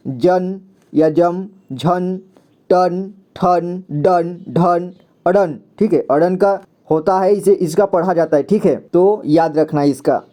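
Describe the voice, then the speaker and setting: A young man giving a slow, patient reading lesson, repeating each syllable and checking in often. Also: high-pitched, mellow. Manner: repeats syllables slowly, says "ठीक है" often. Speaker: Hindi reading teacher.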